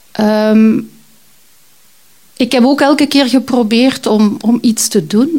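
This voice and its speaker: Female storyteller, reflective and halting, mellow, slightly high. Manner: reflective, hesitant, many fillers. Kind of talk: personal storytelling.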